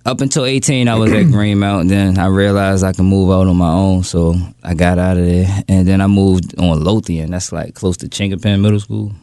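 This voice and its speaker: A man in his thirties with a very low, deep voice talks through his memories in a relaxed, thoughtful way, often restarting his sentences. The sound is close and dry, with no room echo. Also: normal speed, hardly any pauses, smooth. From Baltimore, USA. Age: 30s. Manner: relaxed, reflective storytelling with frequent restarts. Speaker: guest. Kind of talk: casual interview.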